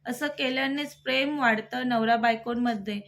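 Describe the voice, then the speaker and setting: A woman's voice: on the high side, fairly even intonation, normal speed, fairly bright tone. A woman reading the lines of a cheerful young man, the hero's best friend, who jokes and teases in a playful way. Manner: playful, joking.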